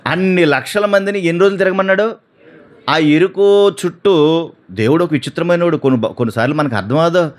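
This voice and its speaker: A man preaching a sermon, animated, acting out voices and asking the congregation questions. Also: fairly high pitch, a little fast.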